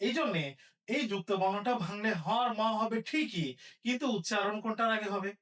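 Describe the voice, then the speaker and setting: A man teaching an online lesson, spelling words out slowly syllable by syllable and asking his students questions as he goes. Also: high-pitched, a bit bright, far from the mic.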